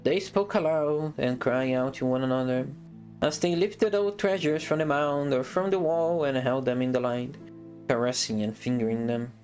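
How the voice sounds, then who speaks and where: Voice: mid-range voice, moderate pace, a little mellow, faint music behind. A streamer reading a fantasy novel aloud on a live stream, breaking off for casual, joking asides.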